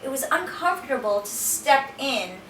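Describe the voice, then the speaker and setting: A woman's voice: sits high, big pitch swings, normal speed, a bit bright, a little hiss or hum. A woman giving a personal testimony talk in a small shelter, telling her story earnestly and often restarting her sentences. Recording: echoey room from a distance.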